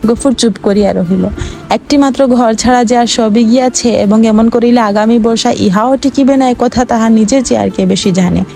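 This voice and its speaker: A woman narrating a classic short story as an audiobook, in a measured, expressive reading. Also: fairly high pitch, gravelly, soft background music.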